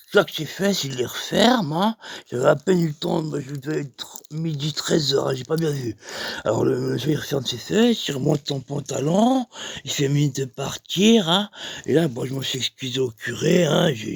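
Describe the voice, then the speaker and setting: A man telling an absurd comic story as a rambling monologue, halting and full of fillers. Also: medium pitch, no echo. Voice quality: gravelly, husky. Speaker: comedian.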